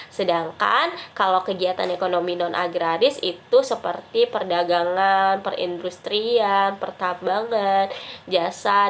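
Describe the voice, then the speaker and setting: A woman's voice: medium pitch, creaky, fairly bright tone. Woman teacher with a cold, nasal and stuffy, hesitant with fillers, faint hiss behind her. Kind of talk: online class lesson.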